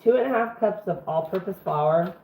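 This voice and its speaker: A middle-aged woman with a rough voice from being sick, chatting casually to viewers as she hosts a live home cooking stream. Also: medium pitch, expressive, normal speed. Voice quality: rough, congested-sounding voice. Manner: folksy, chatty, addresses viewers by name. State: sick for two weeks, throat-clearing. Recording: roomy, band-limited phone-like stream, faint noise.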